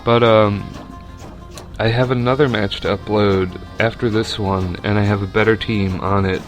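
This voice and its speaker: A man's voice: on the low side, steady tone, normal speed, soft background music. A young man giving casual, rambling commentary over a video game battle, with lots of fillers and restarts.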